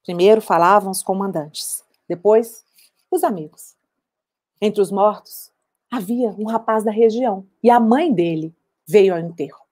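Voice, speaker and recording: An actress playing an older woman war veteran who recounts her memories in a measured, reflective dramatic monologue. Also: mid-range voice, warm tone, lightly acted. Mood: sober.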